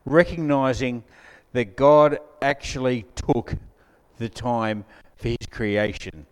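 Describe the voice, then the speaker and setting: A man's voice: medium pitch, fairly even intonation, slow pace, darkish tone, clean tone. A man preaching a sermon as pastor, conversational with joking asides to the congregation, on a mic in a church hall. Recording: long hall reverb.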